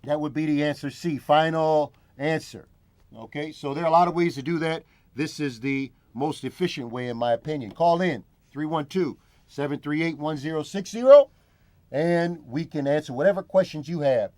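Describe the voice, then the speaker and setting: A man's voice: a little high, moderate pace, a little mellow, no echo. A man hosting a call-in math lesson, upbeat and repeating phrases for emphasis.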